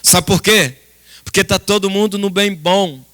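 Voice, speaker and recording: The speaker is a Brazilian pastor delivering a fervent church sermon in a high, fairly bright voice, unhurried in pace. He preaches emphatically and dramatically, repeating phrases often and turning to address the congregation directly.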